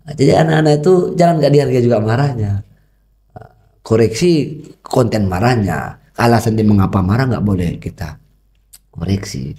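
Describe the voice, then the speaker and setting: A man's voice: fairly low pitch, moderate pace, long pauses. A middle-aged man with a Medan Indonesian accent, a guest on a podcast interview, telling stories about his children and students and acting out the voices in them. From North Sumatra. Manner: lively storyteller who acts out quoted dialogue. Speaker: guest, educator and father.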